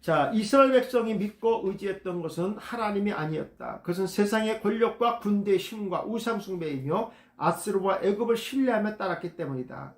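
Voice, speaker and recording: High-voiced man teaching a Bible class. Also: reverberant. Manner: reads the text aloud then explains it, repeats key words. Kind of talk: Bible study lecture.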